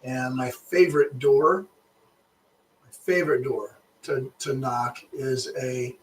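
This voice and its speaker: A man who works as a real estate agent chats casually and makes live calls, restarting phrases and laughing easily. His mid-range voice is steady and slow, recorded off-mic and far away in an echoey room.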